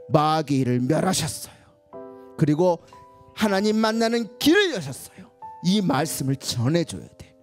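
A woman telling a Bible story to children, her voice leaping up and down in wide swings. She is animated and expressive, with faint music behind. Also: low-pitched. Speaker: children's teacher.

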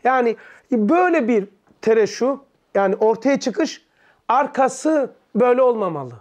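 A man teaching a religious text to a small group, asking quick questions, answering them himself and explaining terms in plain words. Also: very high-pitched, lively intonation. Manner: leans back in an armchair while teaching.

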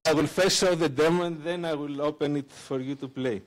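Speaking into a handheld mic, this conference presenter runs a live demo during his technical talk in a lecture room. His slightly high voice stumbles along with frequent fillers, restarts, and non-native wording.

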